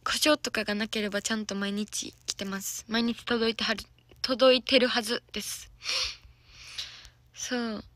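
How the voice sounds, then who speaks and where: Casting: young woman, Kansai accent, hoarse today, bright edge, giggly livestream chat. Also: a little high, level tone, normal speed, no room sound. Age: young adult. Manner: giggly, chatty, answering viewer comments. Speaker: idol trainee. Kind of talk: casual livestream chat with viewers. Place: soundproof lesson room.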